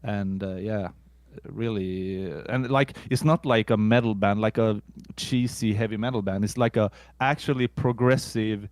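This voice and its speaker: A Swedish man in his thirties, a musician guest, chatting casually in a relaxed, halting way with casual swearing. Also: on the low side, no echo. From Sweden. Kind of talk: casual interview chat.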